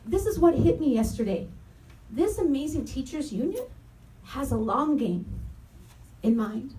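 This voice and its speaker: A woman's voice: high voice, lively intonation, a little slow, mellow. A woman in her thirties, a parent and educator, giving an earnest, impassioned public comment at a community forum, repeating her key phrases for emphasis. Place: community meeting room, roomy and echoey. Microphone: handheld microphone, held from some distance. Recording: echoey room, distant mic, faint noise.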